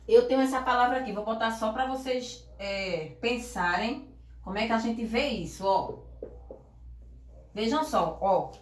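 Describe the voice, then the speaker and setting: A woman teaching a grammar lesson to a class. She explains slowly and patiently and often checks that the students are following. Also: on the high side, echoey room.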